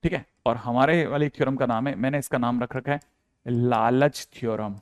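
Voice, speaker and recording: A man's voice: medium pitch, normal speed, no echo, clean studio sound. A man teaching a maths class, playful and repetitive, talking straight to his students. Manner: playful, repeats key phrases, addresses students directly. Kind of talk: classroom lecture.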